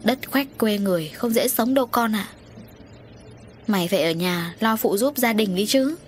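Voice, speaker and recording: A woman's voice: medium pitch, moderate pace, slight background noise, voice pushed up, lightly acted. A woman voicing an anxious middle-aged mother in an audio story, fretful and scolding.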